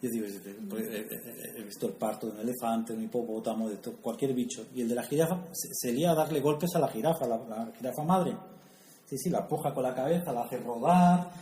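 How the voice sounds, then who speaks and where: A man's voice: medium pitch, mellow, a little hiss or hum. A man preaching a sermon in a conversational way, asking the audience questions and adding humorous asides. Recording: echoey room, faint ambience.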